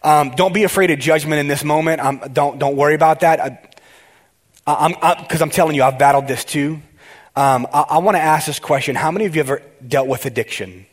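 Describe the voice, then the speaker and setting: High-voiced, excitable male preacher. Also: fairly quick. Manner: excitable, talks straight to the congregation with frequent restarts. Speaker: pastor. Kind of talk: conversational sermon.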